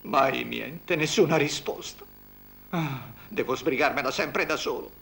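An actor dubbing a timid, jittery country priest into Italian, fretting aloud and exclaiming to himself. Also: male voice, mid-range voice, measured pace, vocal fry, pushed and bright. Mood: fretful. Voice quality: fretful, whining exclamations. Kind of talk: Italian film dub.

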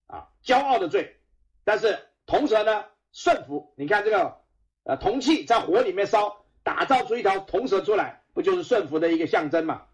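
A male pastor preaching a sermon, often starting phrases with "ah", asking rhetorical questions and reading scripture passages aloud. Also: high-pitched. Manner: frequent "ah" fillers, emphatic rhetorical questions.

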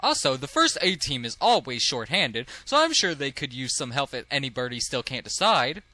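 A man's voice: mid-range voice, sing-song, normal speed, bright, forceful tone, no room sound. A man doing a formal bird teacher.

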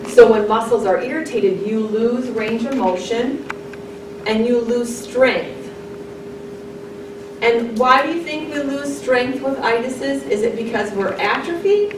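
A woman's voice: fairly high pitch, measured pace. A woman giving a conversational classroom lecture, often asking the class "right?". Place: large darkened lecture room. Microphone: distant camera in the audience. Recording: echoey room, voice from far off, noisy.

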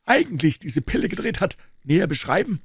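A man's voice: on the high side, fairly quick, husky, no room sound, studio quality, pitched above the performer's own voice, heavily acted. A man doing a cool-headed old doctor. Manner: calm, persuasive, clinical. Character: old male doctor, cool, calm, unshakable.

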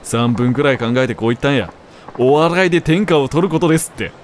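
A man's voice: medium pitch, quick pace, a little hiss or hum, lightly acted. A man voicing a hot-blooded young male comedian, raising his voice and imitating Kansai dialect. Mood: earnest.

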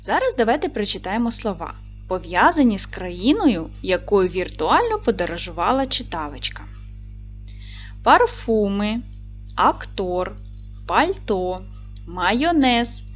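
A woman teacher giving a video lesson for young pupils, with clear, patient instructions and pauses for tasks. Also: fairly high pitch. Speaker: primary school teacher.

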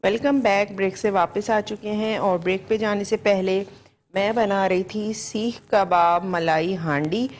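The background is noisy as a forties-aged TV chef with a Pakistani Urdu accent walks viewers through a recipe on a live cooking show. Her mid-range voice has fairly even intonation and a measured pace. She is patient and methodical, repeating each ingredient, recorded on a lapel mic in a studio kitchen.

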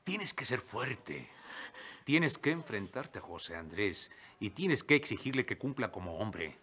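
An actor playing a middle-aged family friend who speaks firmly and soothingly. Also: male voice, lowish voice, very animated, measured pace, a bit bright. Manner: firm, soothing and advising. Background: soap opera background music.

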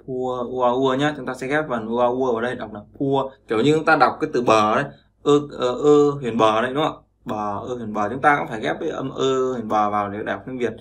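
Male language teacher, mid pitch, repeats himself, keeps checking in with listeners. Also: fairly quick. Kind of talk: explaining pronunciation lesson.

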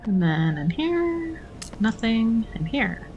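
A woman's voice: fairly high pitch, big pitch swings, takes it slowly, darkish tone, lo-fi sound. A woman chatting casually and rambling while playing a video game, with self-mocking asides. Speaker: gaming streamer. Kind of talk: casual let's-play commentary. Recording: game music playing behind the voice.

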